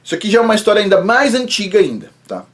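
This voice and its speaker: A man with a Brazilian accent giving a personal religious testimony in an animated way, often checking in with the listener. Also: high-pitched, rapid-fire. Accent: Brazilian Portuguese. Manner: animated, often adds checking tags like "right?". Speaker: channel host telling a personal story.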